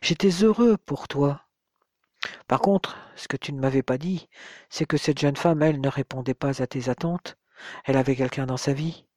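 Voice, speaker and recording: Soft-spoken older dad in his fifties, read by a guy, calm and measured, dry close sound. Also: mid-range voice, no echo, lightly acted. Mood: recounting. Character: older father, calm and gently insistent.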